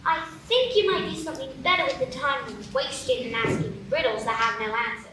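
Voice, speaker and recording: A woman's voice: sits high, fairly quick, close to an everyday voice. An actress playing Alice, a curious, polite young girl, in a live radio play, heard from afar in an echoey room. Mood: puzzled. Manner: inquisitive, exasperated. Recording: echoey stage from far off, noisy.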